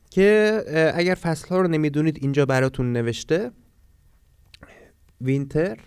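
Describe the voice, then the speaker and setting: A man teaching a language lesson from a textbook, reading foreign words slowly and explaining them step by step. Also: medium pitch, darkish tone, clear, resonant tone, no room sound, studio quality. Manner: explains step by step, reads Swedish words slowly then translates.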